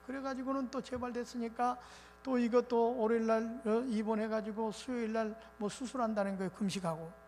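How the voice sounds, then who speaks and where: A male pastor preaching a revival sermon in an animated, colloquial storytelling way. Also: very high voice. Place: church sanctuary. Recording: reverberant church hall with faint noise.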